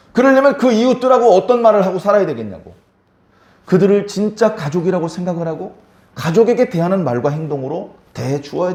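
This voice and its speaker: Male pastor, sermon, emphatic and repetitive, somewhat high voice, echoey sanctuary. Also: darkish tone. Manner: emphatic, repeats key words, asks the congregation questions.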